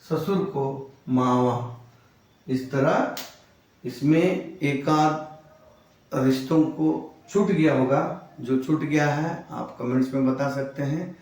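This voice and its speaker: A man from Karnataka teaching a spoken lesson, repeating each word slowly and stressing its pronunciation. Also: medium pitch, darkish tone. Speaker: language teacher. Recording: very echoey room, voice far from the mic.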